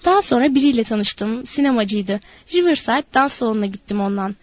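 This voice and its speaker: A lonely young wife, restless and yearning for someone to talk to, read by a woman narrator. Her words tumble out eagerly and pleadingly, in a fairly high voice. The recording is close and dry, like a storybook audiobook. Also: animated, a little fast, no echo, natural voice. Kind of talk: audiobook character voice.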